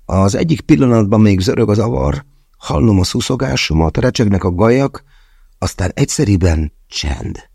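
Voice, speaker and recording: A man's voice: lowish voice, animated, creaky, dark tone, slightly rough, dry recording, clean studio sound. A man narrating a first-person novel as an audiobook, wry and conversational in his storytelling.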